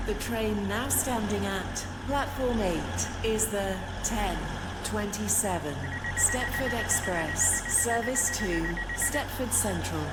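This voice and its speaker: Woman's slow station announcement, echoing hall. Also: medium pitch, heavy background noise. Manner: slow, measured, formal announcing. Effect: station public address announcement. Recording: echoey loudspeaker in a large hall.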